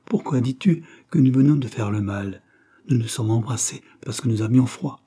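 A man doing a soft-spoken anxious young lover. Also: mid-range voice, moderate pace, breathy edge, lightly acted. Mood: tender. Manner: soft murmuring.

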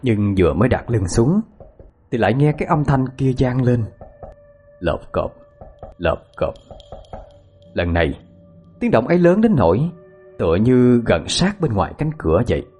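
A man narrates a ghost story with suspense. His mid-range voice rises and falls lively through each line. Soft music plays quietly underneath. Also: mid-range voice, moderate pace. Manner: dramatic, suspenseful.

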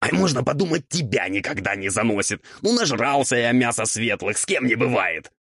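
A sly old ghoul whines and squabbles in a husky, raised voice, as a man puts him on for an audiobook. His pitch swoops as he argues, and the recording is close and dry. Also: big pitch swings, fairly bright tone, no room sound, heavily acted. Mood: squabbling. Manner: quick, indignant squabbling. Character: old bickering male ghoul mentor, sly and whiny. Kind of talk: audiobook character voice.

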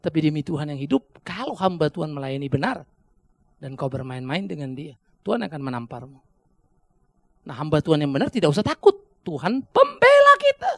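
Gravelly, lively-voiced male pastor preaching. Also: a little high, a little fast, dry recording, studio quality. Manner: conversational preaching with joking asides and sudden emphatic bursts. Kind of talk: sermon.

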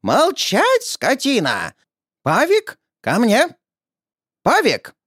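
A man voicing a furious old woman who screeches threats in a shrill, drawn-out yell. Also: wildly swooping pitch, no room sound, studio quality, full character voice. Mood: vicious. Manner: drawn-out hysterical yelling.

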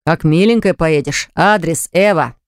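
A man voicing a hot-tempered young man in an audiobook, forceful and commanding. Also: fairly high pitch, measured pace, smooth, no echo, studio quality. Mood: angry, demanding.

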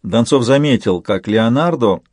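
A man reading a novel aloud in steady, measured scripted narration. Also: mid-range voice, no echo, clean studio sound. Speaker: audiobook reader.

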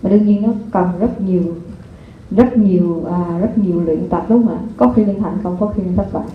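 A woman gives a seminar to a live audience. She keeps asking the listeners rhetorical questions. Her voice sits at a middle pitch and carries a strong hall echo through a thin, phone-like recording with faint noise. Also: brisk. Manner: lively, addresses the audience with repeated rhetorical questions. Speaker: parenting seminar speaker. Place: lecture hall before an audience.

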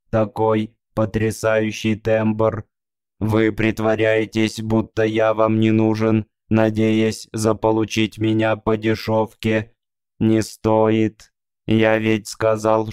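A man putting on a creaky vain robot. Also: fairly low pitch, darkish tone, no echo, clean studio sound. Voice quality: creaky, slow and cold. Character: vain self-admiring male robot, cold.

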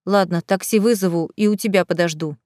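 A woman voicing a fiery, sharp-tongued young woman who snaps and shrieks at the men around her. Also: fairly low pitch, fairly quick, no echo, studio quality, close to an everyday voice. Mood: irritated. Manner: snapping, shrieking.

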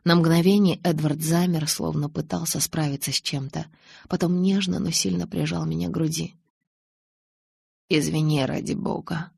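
A woman narrating an audiobook in the first person, steady and measured. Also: sits low, creaky, slightly rough.

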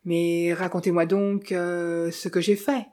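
A woman's voice: fairly low pitch, flat delivery, slow pace, warm tone. A woman reading an audiobook and voicing a young male clerk turned amateur detective, asking anxious, bewildered questions. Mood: weary. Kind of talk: audiobook character voice.

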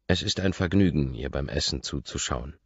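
A man reading a first-person audiobook narration in a measured, intimate, low-key manner. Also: creaky, breathy edge, no echo, highs cut off.

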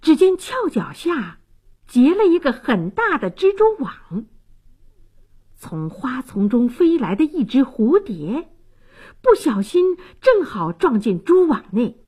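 A woman narrating a classic tale in an expressive storyteller's style for a radio broadcast. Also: high-pitched, slow pace, husky. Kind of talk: slow, lively storytelling narration.

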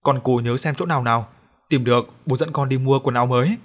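A man's voice: mid-range voice, fairly even intonation, quick pace, lightly acted. A man playing an earnest village husband. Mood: coaxing. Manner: earnest, pleading.

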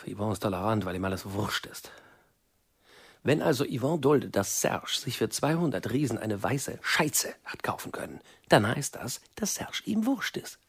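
In a German radio play, an actor portrays an opinionated, exasperated man worrying about a friend, indignant and anxious as he emphatically repeats himself. His mid-range voice swings widely in pitch, sounds slightly rough, and moves at a normal speed.

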